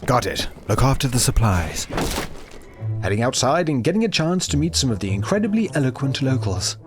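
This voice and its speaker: A man delivers scripted comic narration for a game review, dripping sarcasm. His middle-pitched voice rises and falls a lot, with soft music underneath. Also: very animated, a little fast. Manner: sarcastic, mocking.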